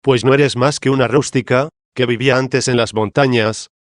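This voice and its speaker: Man reading as the Synagogue as a challenging woman, argumentative questioning tone, mid pitch, dry close mic. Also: fairly even intonation, moderate pace, no room sound, lightly acted. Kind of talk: audiobook reading of a theological dialogue.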